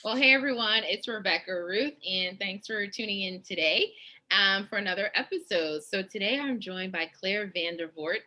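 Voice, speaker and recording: A woman's voice: mid-range voice, normal speed, sharp tone. A woman hosting a casual interview over a video call, chatty and bubbly, laughing often. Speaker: host, fashion stylist.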